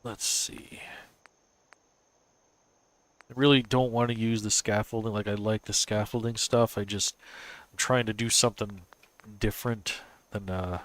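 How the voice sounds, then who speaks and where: Stuffy and sniffling with a cold, a somewhat low-voiced man mutters to himself at normal speed while he builds, thinking aloud in loose, relaxed live-stream commentary.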